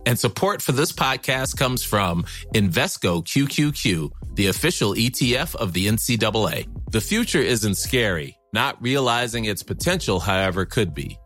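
A man reading a scripted sponsor ad in a smooth, promotional delivery. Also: on the low side, very animated, a little slow, few pauses, a bit bright, faint music behind. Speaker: ad reader. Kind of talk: scripted ad read.

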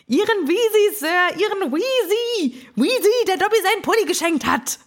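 A woman's voice: very high-pitched, animated, normal speed, voice pushed up. A woman voicing an eager male house-elf servant who speaks of himself in the third person.

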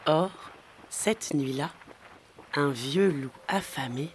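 Female storyteller: low, slow, gentle children's narration over music. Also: a little hiss or hum. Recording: music playing underneath.

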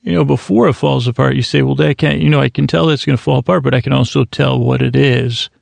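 Speaking fast in a creaky, darkish, medium-pitched voice with no room sound, a podcast host rambles through his solo intro. He mocks himself and keeps laughing at his own jokes.

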